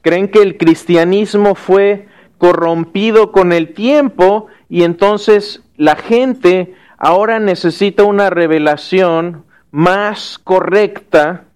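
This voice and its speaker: A man teaching a class. He lectures and asks his students questions, checking in often with quick tag questions and restarting words as he goes. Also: high voice, darkish tone, clean tone.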